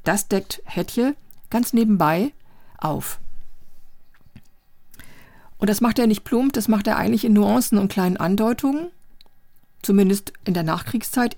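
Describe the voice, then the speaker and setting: A woman presenting and reviewing novels in a measured, deliberate way. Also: mid-range voice, a little mellow, no room sound, clean studio sound. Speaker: book reviewer. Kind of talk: book review.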